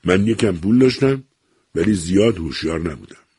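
A man's voice: deep voice, animated, mellow, slightly rough, dry recording, clean studio sound, pitched above the performer's own voice, exaggerated voice. A man voicing a pleading, self-reproaching son. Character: desperate pleading grown son, middle-aged man. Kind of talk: audiobook character reading.

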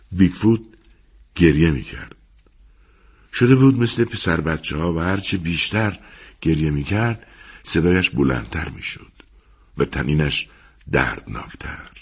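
Male narrator, husky voice, fairly low, lively swooping delivery, audiobook reading.

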